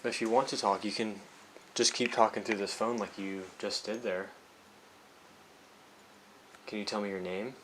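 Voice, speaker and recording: A man's voice: lowish voice, fairly even intonation, normal speed, long pauses, a bit bright, slight background noise, poor audio. A young man talking casually and slangily while ghost hunting, calling out to spirits as he vlogs. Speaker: paranormal investigator. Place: indoors in a large old house.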